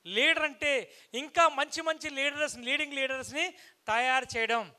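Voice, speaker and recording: High-pitched, rousing male motivational speaker. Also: moderate pace. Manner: rousing, fires rhetorical questions and pushes the crowd to shout back; punchy short phrases with sudden loud bursts. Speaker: motivational speaker and sales team leader. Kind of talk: motivational stage speech.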